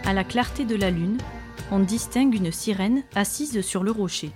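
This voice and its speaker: A woman reading a children's story aloud in a lively, expressive way. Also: mid-range voice, normal speed, faint music behind.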